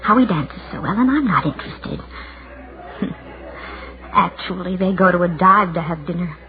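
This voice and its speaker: An actress in her thirties plays a shy, anxious, judgmental, lonely thirty-year-old woman in the brittle, fretful manner of 1940s radio drama, heard through a noisy, narrow-band recording of that era. Her voice is fairly low and animated at a moderate pace, lightly acted, with a bitter, fretful mood.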